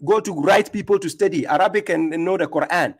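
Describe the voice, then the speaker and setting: This man's voice is high-pitched and fast as he hosts a combative religious livestream over a streaming setup. He taunts and mocks his opponents, laughing at them, and keeps stumbling over repeated words.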